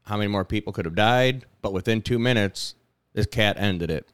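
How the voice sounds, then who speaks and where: A man's voice: lowish voice, moderate pace, clean tone, no room sound. A man co-hosting a podcast in casual, blunt and profane chat. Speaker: podcast co-host.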